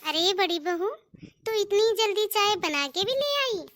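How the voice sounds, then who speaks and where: A woman's voice: very high voice, fairly even intonation, measured pace, no echo, clean studio sound. A woman voicing a stern but fair mother-in-law in a cartoon, scolding and giving orders. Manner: scolding, commanding, calls daughters-in-law "bahu". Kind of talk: cartoon voice acting.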